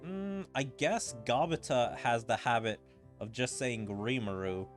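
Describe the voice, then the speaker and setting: Over faint background music, a young streamer with a medium-pitched voice chats casually about the game on screen. His gameplay commentary is amused and talkative, punctuated by quick laughs.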